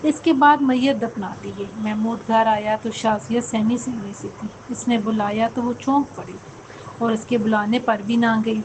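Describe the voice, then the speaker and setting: A woman narrating a scripted story in a steady, even storytelling delivery. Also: fairly high pitch, noisy background.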